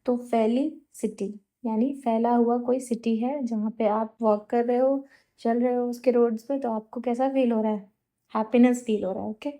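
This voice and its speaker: A woman's voice: on the high side, fairly even intonation, moderate pace, dark tone. A woman with a Uttar Pradesh–Bihar Hindi accent teaching exam vocabulary in casual Hindi mixed with English, explaining patiently and often checking in.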